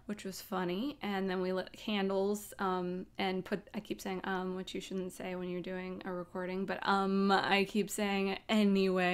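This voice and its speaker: An American woman hosts a casual, chatty vlog, rambling playfully and informally as she talks. Her voice sits fairly low in pitch and carries vocal fry.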